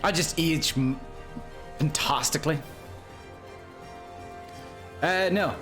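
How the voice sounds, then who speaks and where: Speaking slowly in a somewhat high, slightly bright voice, this man in his twenties chats with his stream viewers over soft background music. He rambles, jokes about himself, and frequently laughs.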